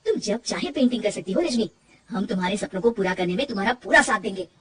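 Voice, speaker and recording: A woman voicing a gentle, loving young husband who coaxes and pleads with his wife. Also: mid-range voice, lively intonation, quick pace, distant mic, close to an everyday voice. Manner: coaxing, pleading.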